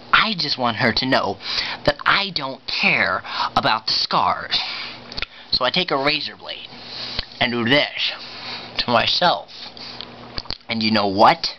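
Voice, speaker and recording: A woman doing an impression of a menacing, unhinged scarred male villain in a breathy whisper, drawn out with sudden swings. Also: very deep voice, heavily acted. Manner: slow, drawn-out delivery with sudden shifts. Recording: muffled home video with loud noise.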